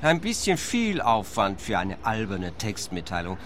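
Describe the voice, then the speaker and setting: An actor playing a grumpy, impatient van driver in a radio drama, harried and exasperated. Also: male voice, on the low side, wildly swooping pitch, a little slow, a bit bright, slight background noise, heavily acted. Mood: grudging.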